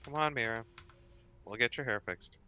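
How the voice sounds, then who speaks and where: A man's voice: medium pitch, moderate pace, pushed and bright, clear, resonant tone. A man speaking casually as a player in a tabletop game, slipping in and out of character with dry teasing.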